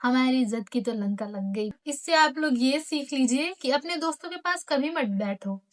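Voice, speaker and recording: A woman in her late teens, a vlogger, telling a school storytime in animated casual chat, acting out the lines of others and slipping English phrases in. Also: high voice, moderate pace. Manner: animated, acts out teachers and friends in quoted lines.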